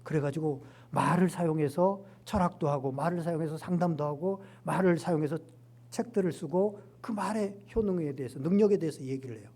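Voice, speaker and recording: Korean pastor preaching, lively and emphatic. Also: male voice, fairly high pitch, fairly quick. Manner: animated, acts out quoted lines with rising emphasis. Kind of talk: sermon.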